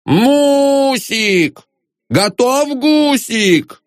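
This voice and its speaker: Greedy fussy engineer, high and whining, put on by a male reader, bouncy pitch. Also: expressive, measured pace, darkish tone, no echo, clean studio sound. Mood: wheedling. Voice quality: high whiny calling voice. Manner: wheedling, singsong pleading. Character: excitable plump middle-aged male engineer, greedy.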